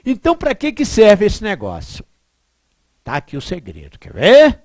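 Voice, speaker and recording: A woman teacher gives an informal grammar lesson. She is chatty and emphatic, tags her points with quick questions and chuckles often. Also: mid-range voice, wildly swooping pitch, darkish tone, no echo, clean studio sound. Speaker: Portuguese teacher.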